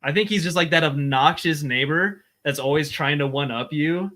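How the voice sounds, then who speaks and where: Bright-voiced man co-hosting a podcast. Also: a little high, moderate pace. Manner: riffs in long playful tangents. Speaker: podcast co-host. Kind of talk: casual podcast chat.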